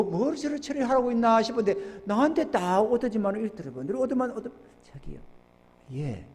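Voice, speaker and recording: A male pastor preaching a sermon, telling folksy stories with sudden loud outbursts. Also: very high-pitched. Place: church sanctuary. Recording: church hall with long reverb.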